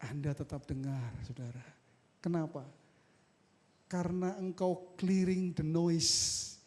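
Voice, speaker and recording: A man preaching a sermon as pastor, calling out to the congregation and swinging between loud emphasis and soft asides. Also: on the high side, steady tone, slow pace. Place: church sanctuary.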